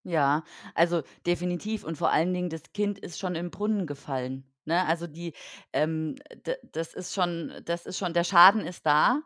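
A woman's voice: on the low side, normal speed, fairly bright tone, dry recording, studio quality. A woman speaking as a podcast guest from the hotel industry, talking casually with many fillers and restarts, indignant about the rules.

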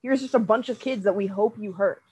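A woman's voice: medium pitch, brisk, a little mellow, husky. A young woman co-hosting a podcast, chatting in rambling bursts and readily agreeing. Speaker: podcast co-host. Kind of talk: casual chat. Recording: slightly dull, lo-fi sound.

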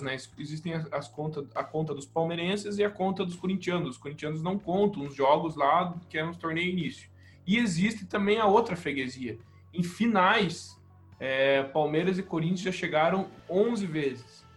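A man's voice: on the high side, moderate pace. A man with a Brazilian accent giving colloquial, opinionated commentary in a casual sports discussion. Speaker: sports podcast panelist. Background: background music.

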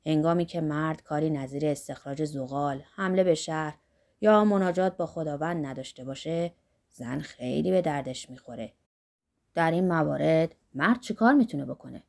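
A woman's voice: sits low, vocal fry, darkish tone, voice pushed down. A woman voicing an earthy, boisterous older workman, blunt and philosophizing, in an audiobook.

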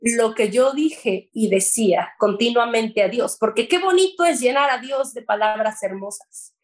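A woman's voice: fairly high pitch, animated, unhurried, rough recording. A woman with a Mexican accent, sharing her personal faith testimony in an earnest, emotional way with some hesitations. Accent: Mexican Spanish.

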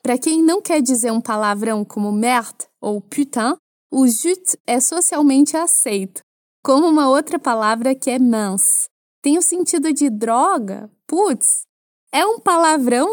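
Brazilian female language teacher, bright high register, dead-dry studio read, clear and patient. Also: dry recording. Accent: Brazilian Portuguese. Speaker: French teacher. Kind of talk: language lesson for Portuguese speakers.

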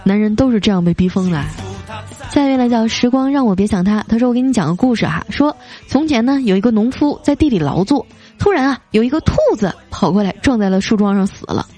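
Woman host, casual and teasing, mellow tone over faint music. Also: fairly high pitch, expressive, fast talker. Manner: playful, teasing, reads jokes with light voiced quotes. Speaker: podcast host reading listener comments. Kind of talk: casual chat. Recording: soft music behind.

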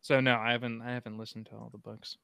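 Bright, jokey man on a podcast. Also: mid-range voice, level tone, fast, creaky, smooth, dry recording, clean studio sound. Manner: jokey, laughs often, breaks into song. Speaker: podcast co-host. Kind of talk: casual chat.

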